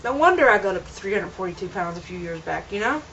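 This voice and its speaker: Fast, pushed and bright, with lively intonation in a mid-range voice, a young vlogger rambles earnestly and restarts her sentences. She's filmed at home on a camera mic, so the video sounds dull and lo-fi, with a little hiss or hum.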